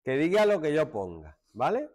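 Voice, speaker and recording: A middle-aged man from Málaga with an Andalusian accent, teaching a joking classroom lesson and hushing his students. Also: a little high, wildly swooping pitch, normal speed. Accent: Andalusian Spanish. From Málaga, Spain. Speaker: secondary school teacher.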